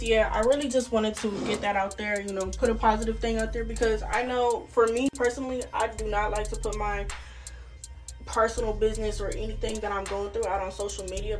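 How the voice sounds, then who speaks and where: Chatty young woman vlogging on a phone. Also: medium pitch. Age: young adult. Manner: chatty, slangy, animated, talks straight to viewers. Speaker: college student vlogger. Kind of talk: casual vlog talk to camera. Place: small indoor rooms, dorm and bathroom. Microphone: phone camera at arm's length.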